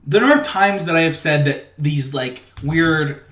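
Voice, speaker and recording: Opinionated man, slightly high voice, roomy sound. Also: normal speed, fairly bright tone. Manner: opinionated, talks over others, repeats words. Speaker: podcast co-host. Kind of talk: casual chat about card games. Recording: roomy home recording.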